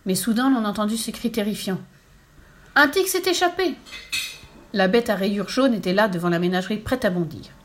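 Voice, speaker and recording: A woman reads a children's story aloud at a medium pitch, keeping her narration steady and clear. She moves the tale along at an even pace. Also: fast, few pauses, a little hiss or hum. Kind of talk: storybook reading.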